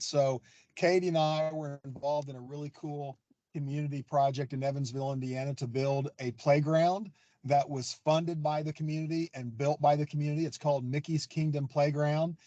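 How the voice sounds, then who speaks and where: Man, event organizer, upbeat and motivational, webinar guest on a video call, dry close sound, fairly high-pitched. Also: steady tone, moderate pace, a little mellow, no room sound, lo-fi sound. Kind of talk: webinar conversation. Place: parking lot.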